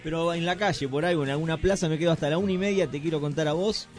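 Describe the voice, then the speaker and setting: A man co-hosting a radio show in a studio with a Rioplatense accent, excitable and eager, talking in casual banter. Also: a little high, racing, soft background music. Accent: Rioplatense Spanish. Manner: excitable, eager, keeps agreeing. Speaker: radio co-host.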